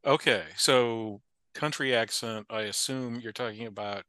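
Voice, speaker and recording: A man's voice: mid-range voice, measured pace, sharp tone, clear, resonant tone, no room sound. A man from the Appalachian United States, a podcast guest talking casually, thoughtful and digressive with frequent restarts. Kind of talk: casual conversation.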